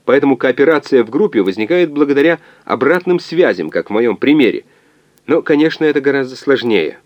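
A man's voice: mid-range voice, a little mellow, no room sound, highs cut off, voice pushed up, close to an everyday voice. A man reading an audiobook, voicing an eager physicist explaining what he has worked out. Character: excited male physicist puzzling out a code.

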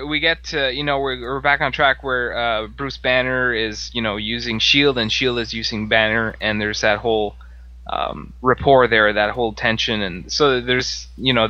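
A man's voice: medium pitch, bright, forceful tone, dull audio. A man co-hosting a podcast, reviewing a comic in a hesitant way with many restarts. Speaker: podcast co-host. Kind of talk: casual comic book discussion.

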